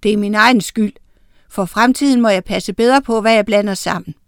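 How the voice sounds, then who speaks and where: A woman's voice: mid-range voice, clean tone, dry recording, clean studio sound, close to an everyday voice. A woman voicing a wicked female witch who is bossy and scheming, in a storybook reading.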